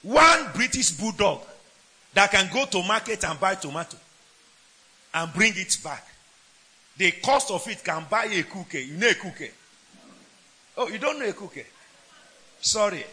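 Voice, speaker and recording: A man preaching a sermon. He swings between shouted lines and low asides, and keeps asking the congregation questions. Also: very animated, a little slow, pauses often. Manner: asks the congregation questions, laughs between points.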